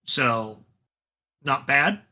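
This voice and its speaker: Bright-voiced man in casual chat. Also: mid-range voice, very slow. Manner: relaxed, rambling, many fillers and restarts. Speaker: podcast co-host. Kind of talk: casual chat about a tabletop wargame.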